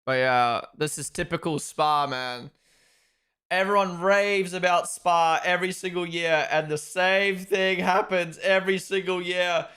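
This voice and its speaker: A man's voice: high-pitched, fairly even intonation, unhurried, sharp tone, clean tone. A young man from Australia and New Zealand hosting a live race watchalong, giving chatty, opinionated commentary and talking to his chat.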